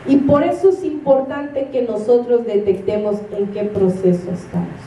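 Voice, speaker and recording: A woman's voice: on the high side, moderate pace, warm tone, far from the mic, a little hiss or hum. Woman preaching in an echoey room. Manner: storytelling with acted-out quotes and laughter. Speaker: minister. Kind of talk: sermon.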